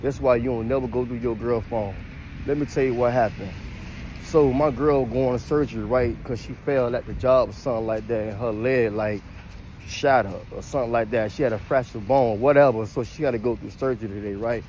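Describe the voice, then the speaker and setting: A man telling a comedic story as a heated, worked-up monologue that climbs into shouted rants. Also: medium pitch, steady tone, fairly quick, a little hiss or hum, poor audio.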